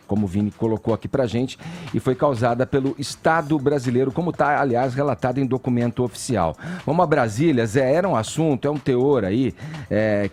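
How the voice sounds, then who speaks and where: Brazilian radio host handing over. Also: male voice, mid-range voice, a little mellow. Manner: informal, hands over to reporters. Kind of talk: hosting a news program.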